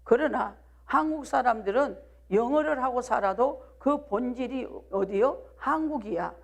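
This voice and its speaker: A woman pastor from South Jeolla, Korea, with a Jeolla accent, preaches a live midweek sermon, pressing the congregation with rhetorical questions and calls of "do you believe?". Her voice is on the high side, with vocal fry, at a measured pace.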